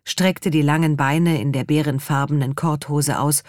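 A woman with a low voice reads an audiobook in a calm, even storytelling manner. She is close to the mic, and the recording is dry, with no room sound. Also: moderate pace, dry recording. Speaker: narrator. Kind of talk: scripted audiobook narration.

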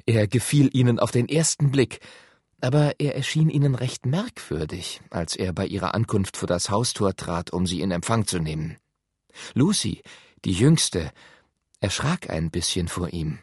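A man narrating an audiobook in an expressive storytelling manner. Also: fairly low pitch, normal speed, slightly rough, no echo, clean studio sound. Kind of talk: scripted narration.

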